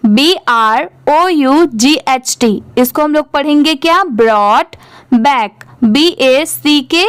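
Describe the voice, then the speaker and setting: A woman's voice: sits high, drawn-out words, dry recording. A woman teaching English reading, who spells each word out letter by letter, asks the class how it is read and then answers herself. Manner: spells words letter by letter, then blends them. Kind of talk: slow spelling-out reading lesson.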